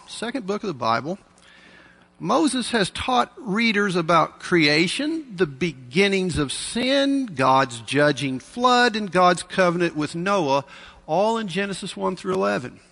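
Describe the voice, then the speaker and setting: Preacher, male, at a pulpit microphone; gravelly, higher voice, long hall reverb. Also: a bit bright. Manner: measured, earnest, with dry asides. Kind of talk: sermon.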